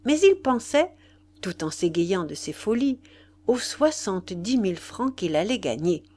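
A woman narrating a literary audiobook with expressive, dramatic storytelling. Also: medium pitch, a little slow, a little hiss or hum. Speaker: audiobook reader.

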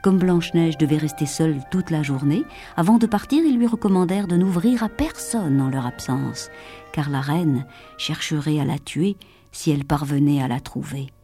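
A woman narrating a fairy tale in an expressive storybook reading, dropping to whispers for suspense. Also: sits low, normal speed, soft background music.

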